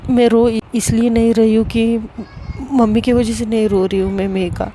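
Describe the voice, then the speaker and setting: A woman's voice: fairly high pitch, little pitch movement, moderate pace, slight background noise, natural voice. A woman voicing a sulky, snappish young woman. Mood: tearful. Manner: sulky, sharp-tongued.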